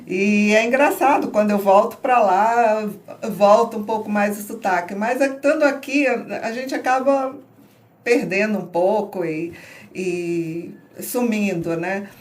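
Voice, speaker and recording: A woman's voice: mid-range voice, unhurried. A middle-aged woman from northern Brazil with a faint Pará accent, chatting as a guest in an interview and laughing often as she tells her story. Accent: faint Pará Brazilian Portuguese, softened by years abroad. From Belém do Pará, Brazil. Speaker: guest entrepreneur. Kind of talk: casual interview conversation.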